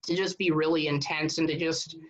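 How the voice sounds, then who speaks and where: Halting, level-voiced man in his thirties. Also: on the high side, fairly even intonation, a bit bright. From Connecticut, US. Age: 30s. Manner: halting, with many restarts and repeated words. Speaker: guest. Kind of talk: casual conversational interview. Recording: dull, muffled sound.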